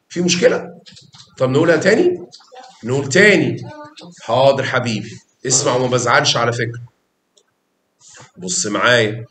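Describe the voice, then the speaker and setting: Animated Egyptian math teacher, man. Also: medium pitch, echoey room, a little hiss or hum. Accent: Egyptian Arabic. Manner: animated, coaxing students with questions and repetition. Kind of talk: lively classroom explanation.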